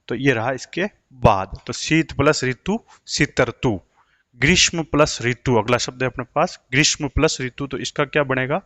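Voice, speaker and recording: A man's voice: on the high side, a bit bright, no room sound. Man teaching a grammar lesson. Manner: asks questions then answers them himself. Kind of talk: exam-prep grammar lesson.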